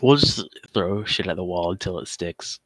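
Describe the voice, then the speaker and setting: Young male podcast co-host, low voice, dry close sound, rambling and jokey. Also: moderate pace, fairly bright tone, slightly rough, dry recording. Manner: joking, laughs often, rambling. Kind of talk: casual podcast chat.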